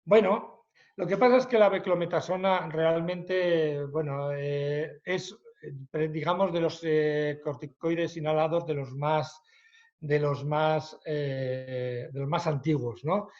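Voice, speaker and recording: A man's voice: a little high, fairly even intonation, a little mellow, highs cut off. A man with a Spanish accent answering questions as a medical expert in a webinar, with many hesitations. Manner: hesitant, many fillers, then quick explanations.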